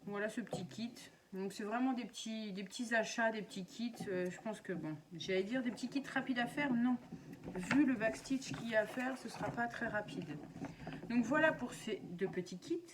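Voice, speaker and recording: A woman's voice: fairly high pitch, moderate pace, a crowd in the background. A woman casually showing her craft purchases to viewers, chatting with many hesitations. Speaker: craft vlogger. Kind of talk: casual unboxing chat. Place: at home.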